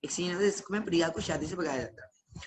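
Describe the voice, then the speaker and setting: A young man with a Punjabi accent telling an animated motivational story on a webinar and acting out his family's lines. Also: high-pitched, fast talker, noisy background. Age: young adult. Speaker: young entrepreneur speaking on a webinar.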